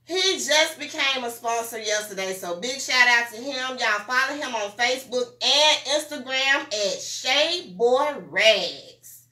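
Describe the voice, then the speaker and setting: A woman hosting a casual talk show, giving lively sponsor shout-outs and talking straight to her listeners. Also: high voice, a little slow, hardly any pauses. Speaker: podcast host. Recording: roomy echo, mic at a distance.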